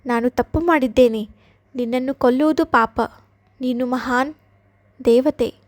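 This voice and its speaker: A woman's voice: sits high, a little slow, no echo. A hungry tiger in a storybook, read by a woman. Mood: gruff. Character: hungry male tiger who softens.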